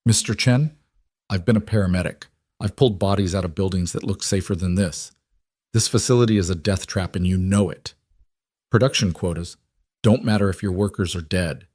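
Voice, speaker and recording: A man's voice: sits low, moderate pace, a little mellow, breathy edge, no echo, clean studio sound. A man voicing a determined single father turned company boss, speaking firmly.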